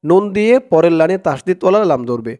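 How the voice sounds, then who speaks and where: A man teaching Quran reading, chanting verses slowly and then explaining the rules in quick speech. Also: a little high, expressive, dark tone.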